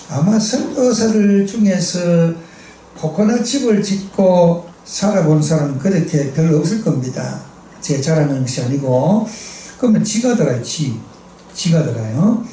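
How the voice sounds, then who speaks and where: A man's voice: a little high, warm tone, slight background noise. A middle-aged man with a Gyeongsang accent preaching a sermon in a church, telling funny stories and prompting the congregation for replies. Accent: Gyeongsang dialect Korean. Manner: chatty, storytelling, asks the congregation for responses. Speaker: missionary preacher. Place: church sanctuary. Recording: echoey church hall, distant mic.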